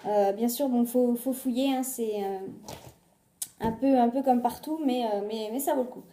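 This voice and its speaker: A beauty and shopping vlogger shows off her finds in a casual haul video filmed on a phone propped on a glass on a table. Her voice is on the high side, steady and dark at a moderate pace, and the sound is roomy. She's chatty but hesitant, with many fillers and restarts.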